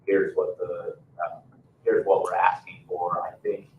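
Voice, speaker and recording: A town official advising a commission explains procedure at a public meeting, informally and with worked examples. His deep voice is level and a little slow. Picked up from a distance in the meeting room, the recording is roomy, muffled, and hissy.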